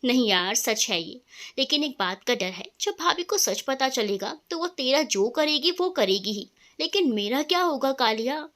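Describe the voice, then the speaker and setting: A woman voicing a joking, flattering young man who is nervous around his friend's wife, in a storybook reading. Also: high voice, normal speed. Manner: jokey, flattering.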